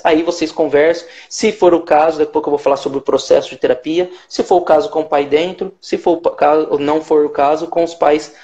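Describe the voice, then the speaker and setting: A man's voice: on the high side, a little mellow, highs cut off. A Brazilian man, a hypnotherapist, explaining his methods emphatically in a live-stream interview. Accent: Brazilian Portuguese. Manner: explanatory, emphatic, acts out short quoted lines. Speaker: hypnotherapist guest.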